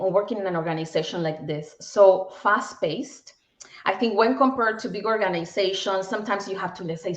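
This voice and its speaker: Heard in an echoey room through a muffled recording, a medium-pitched woman from Peru guests on a casual video interview. In her forties and working as a bank tech executive, she keeps an upbeat tone and Peruvian Spanish accent, repeating words as she reaches for them.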